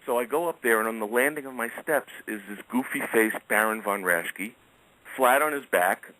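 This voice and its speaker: Bright-voiced middle-aged man telling stories. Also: mid-range voice, moderate pace, dry recording, poor audio. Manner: chatty storyteller who chuckles often. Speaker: radio guest. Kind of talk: casual anecdote telling.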